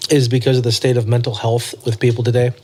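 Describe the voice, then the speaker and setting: A man who is a guest on a podcast, giving his view in a measured way, often restarting his sentences. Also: mid-range voice, little pitch movement, warm tone, a little hiss or hum. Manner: halting, measured, many restarts. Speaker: podcast guest, company founder. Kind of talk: casual chat.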